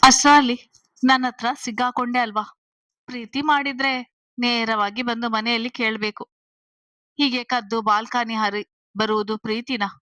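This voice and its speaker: A stern middle-aged father grills a young man with loud, probing questions, as a woman reads him out. The voice is bright and sits close and dry. It comes from an audio storybook. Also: fairly high pitch, fairly even intonation, moderate pace, long pauses, no room sound.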